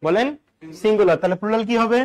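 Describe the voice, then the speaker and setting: A man's voice: high-pitched, fast talker, a little mellow. A male teacher, giving an exam-prep grammar lesson and quizzing listeners with repeated questions and jokes. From Bangladesh.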